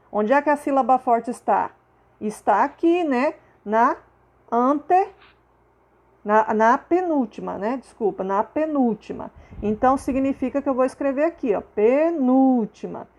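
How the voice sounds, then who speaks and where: A woman's voice: fairly high pitch, darkish tone. A woman teacher with a Brazilian Portuguese accent explains homework step by step to children, often checking in with "né?" and "ok?". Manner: patient, repeats terms and checks in with "né?" and "ok?".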